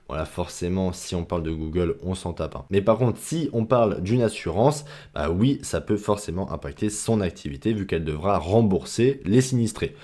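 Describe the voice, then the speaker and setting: A man's voice: low voice, warm tone. A man giving a casual lesson on analysing stocks, chatty, full of fillers and slang. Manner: chatty, many fillers like "bah" and "hein", informal slang. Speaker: stock investing educator.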